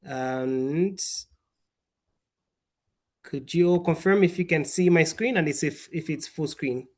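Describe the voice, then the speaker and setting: A man from Malawi giving an online webinar presentation on a video call, speaking in a measured, structured way with some fillers. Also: fairly high pitch. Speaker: webinar presenter, programme alumnus.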